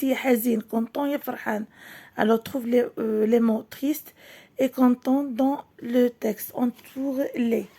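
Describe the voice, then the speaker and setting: A woman teacher with a Moroccan accent giving a reading lesson, reading slowly and clearly, then explaining quickly. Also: fairly high pitch, dark tone. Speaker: primary school French teacher.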